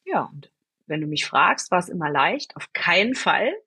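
A woman guest in a podcast interview, telling personal stories in a lively way, answering her own rhetorical questions and speaking straight to the listener. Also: lowish voice, normal speed, slightly rough. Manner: addresses the listener directly. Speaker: storytelling guest.

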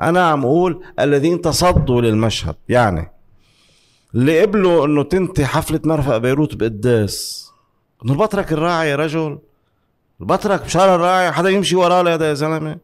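A man with a Lebanese Levantine Arabic accent in a heated political debate, arguing insistently, repeating words for emphasis and firing off rhetorical questions. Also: a little high. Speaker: interview guest giving political commentary.

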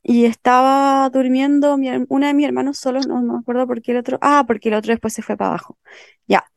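A woman's voice: high-pitched, fast talker, gravelly, dry recording, studio quality. A young woman with a Chilean accent, telling a story animatedly with slang. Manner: animated, acts out scenes with slang. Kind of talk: casual storytelling.

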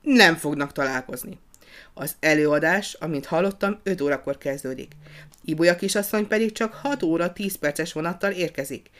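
A storyteller voicing an agitated, bossy male gardener who talks excitedly and often shouts. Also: medium pitch, close to an everyday voice. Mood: self-important.

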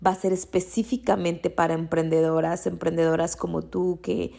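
Low gravelly Mexican woman coaching. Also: level tone, normal speed. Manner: warm, encouraging, repeats key phrases. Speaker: coach for women entrepreneurs. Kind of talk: motivational podcast talk.

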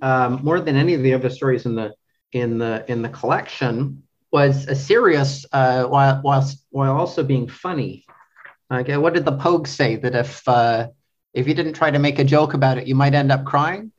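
A man appears as an interview guest, a translator talking casually about a book. He speaks haltingly and keeps rephrasing himself. His voice sits in the mid range, and the audio sounds dull.

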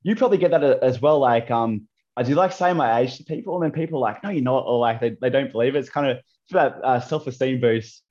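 A man's voice: medium pitch, fast talker, a little mellow, lo-fi sound. Hesitant Australian man in his thirties. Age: 30s. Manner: hesitant, many fillers and restarts. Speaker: podcast guest. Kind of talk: casual chat.

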